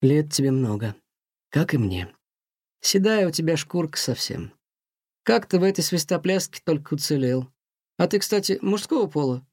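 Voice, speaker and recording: A man voicing an aging museum director who sighs and speaks softly and kindly. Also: a little high, very animated, moderate pace, no room sound, clean studio sound. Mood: wondering. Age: older. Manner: sighing, soft-spoken, talks kindly to a mouse. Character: weary aging male museum director, gentle and sad.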